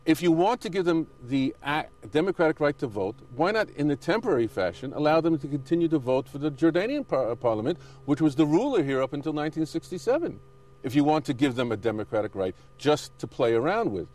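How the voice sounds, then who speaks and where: A man's voice: on the high side, sing-song, fast talker, darkish tone. A man answering as an interview guest, arguing back insistently with some hesitant self-corrections. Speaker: interview guest, Israeli settler.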